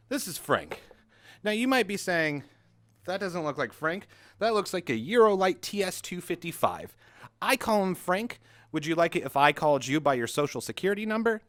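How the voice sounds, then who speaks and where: A man's voice: fairly high pitch, a bit bright, no echo. A young adult man hosting a comedic rant vlog, telling a mock-dramatic story with sarcasm in a recording studio. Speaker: vlog host.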